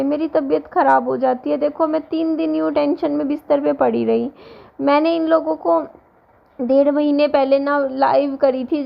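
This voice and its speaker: Hoarse gravelly lady rambling to her viewers, highish voice, kinda muffled audio. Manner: rambling, restarts often, talks to viewers directly. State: hoarse, sore throat. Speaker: vlogger. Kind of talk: casual home vlog.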